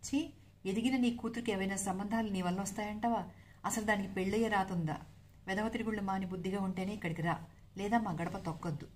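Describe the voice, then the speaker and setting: A woman's voice: medium pitch, steady tone, quick pace, a little mellow, slight background noise, lightly acted. A woman voicing a stern, angry middle-aged elder brother who scolds bluntly in a story reading. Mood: scolding.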